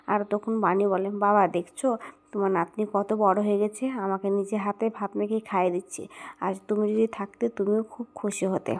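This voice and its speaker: Woman retelling a serial episode. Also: mid-range voice. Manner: retells a plot with quoted dialogue. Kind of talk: storytelling recap.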